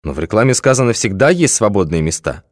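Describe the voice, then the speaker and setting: A friendly, curious middle-aged man asking eager questions in a storybook reading that a man performs. His voice is fairly low but lively and full of movement. The sound is dry. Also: fast, no room sound.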